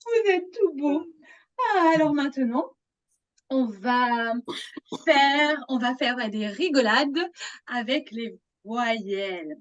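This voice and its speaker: A woman's voice: high-pitched, lively intonation, slow, muffled recording. A woman leading a laughter yoga group, playful and coaxing, often breaking into laughter herself.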